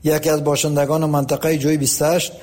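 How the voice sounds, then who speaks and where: Mellow-voiced male radio reporter. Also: a little high. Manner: even, formal reporting tone. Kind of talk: scripted news report narration.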